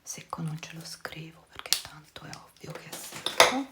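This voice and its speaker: A woman speaking in a hushed whisper, giving casual ASMR commentary and musing to herself in short phrases. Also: low-pitched, animated, normal speed. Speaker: ASMR creator. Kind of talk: ASMR, casual commentary while writing labels.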